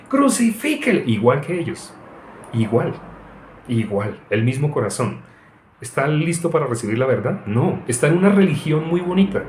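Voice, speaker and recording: A man's voice: medium pitch, slight background noise. Preacher man, echoey room. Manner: animated, tells anecdotes, mocks voices, frequent laughs. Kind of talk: informal sermon with personal stories.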